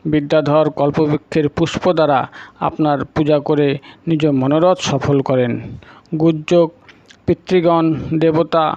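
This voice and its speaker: A man recites sacred names and a scripture tale in a slow, solemn cadence, pausing after each word. His voice sits a little high for a man. The recording is dry and close, with a slightly dull, muffled tone. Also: fairly even intonation, darkish tone, dry recording. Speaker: storyteller.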